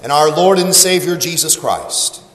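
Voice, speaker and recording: A male pastor preaching a sermon slowly and deliberately, with dramatic pauses. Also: a little high, lively intonation, fairly bright tone. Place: church sanctuary. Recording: echoey church hall, long reverb.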